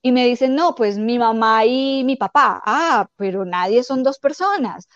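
A woman life coach giving calm, explanatory spiritual self-help advice, often acting out quoted dialogue. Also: a little high, measured pace, no echo, lo-fi sound.

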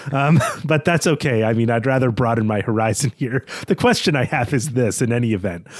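A man co-hosting a literary podcast lays out his prepared reading of a novel, discursive, bookish and self-deprecating. His medium-pitched voice is captured in a dry, clean studio recording.

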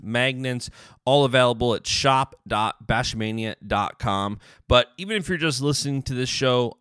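A man's voice: medium pitch, a bit bright, dry recording, studio quality. A man hosting a podcast in a conversational way. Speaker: podcast host.

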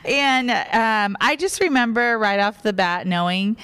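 Smooth-voiced, giggly woman co-host. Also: on the high side, expressive, measured pace, a bit bright, no room sound. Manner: giggly, informal. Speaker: podcast co-host. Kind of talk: casual conversational storytelling.

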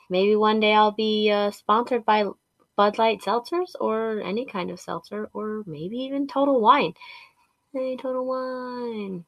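A woman's voice: medium pitch, a bit bright, no echo. A woman hosting a casual solo podcast from inside a closet, rambling informally and poking fun at herself. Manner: informal, rambling, self-deprecating, with swearing. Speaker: podcast host. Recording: close, dry closet recording.

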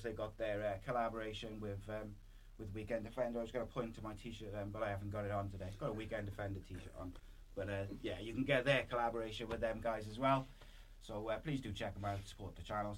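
Man, Welsh accent, lowish voice, chatty podcast host, informal rambling delivery, faint noise behind. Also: steady tone, fast talker, few pauses. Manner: informal, rambling, frequent filler 'like'. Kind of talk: casual chatty hosting. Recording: clear background noise.

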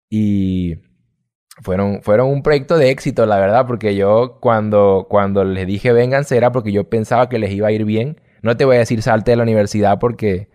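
A man's voice: lowish voice, a little mellow. A young man from Venezuela with a Venezuelan accent, telling stories in a casual, slangy interview chat as a guest. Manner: chatty, storytelling, slangy. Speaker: guest, gamer youtuber.

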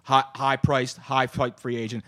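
A man in his thirties hosting a casual sports talk show, animated and ranting, often repeating words. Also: mid-range voice, unhurried, no room sound, clean studio sound. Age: 30s. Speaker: podcast host.

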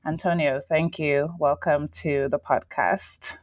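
Woman podcast host, lowish voice, dry sound, kinda hesitant phrasing asking questions. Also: steady tone, slow pace, a little mellow, no echo. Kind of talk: conversational interviewing.

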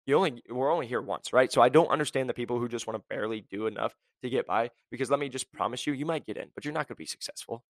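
A young man rattles through a motivational podcast at a quick clip, blunt and fired up. His voice sits at an ordinary pitch and sounds close and dry, with no room around it. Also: dry recording. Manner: high-energy, blunt, fast-talking, lots of "like" and "right?". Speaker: podcast host. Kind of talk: motivational career podcast talk.

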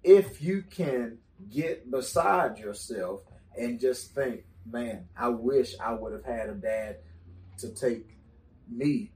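Man, folksy storyteller on a podcast, mid-pitched, a bit off-mic. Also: slow, a little mellow, roomy sound, far from the mic, a little hiss or hum, rough recording. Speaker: podcast co-host. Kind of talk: casual podcast chat.

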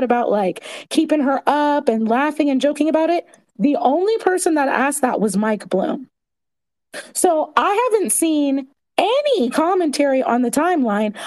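A woman's voice: sits high, darkish tone. A woman in her forties speaking in a casual live audio chat, laying out her points one by one. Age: 40s. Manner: earnest, explains point by point. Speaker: guest commentator.

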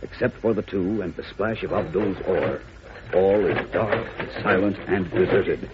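A man's voice: deep voice, a little slow, heavy background noise. Dramatic vintage radio announcer, a man. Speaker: announcer, narrator. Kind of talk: 1940s radio scripted narration. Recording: dull old radio recording with music.

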